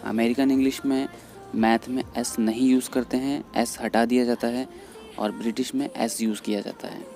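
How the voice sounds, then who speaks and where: A man explaining English vocabulary in Hindi, patiently repeating each word slowly. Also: medium pitch, flat delivery, warm tone. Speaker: English teacher. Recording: faint background music under voice. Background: faint background music.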